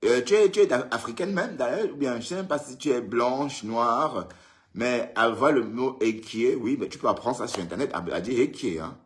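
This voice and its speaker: Indoors at home in Europe, a man hosts a casual live stream with an animated, mid-range voice at a moderate pace. He addresses viewers by name and teases them in a talkative way.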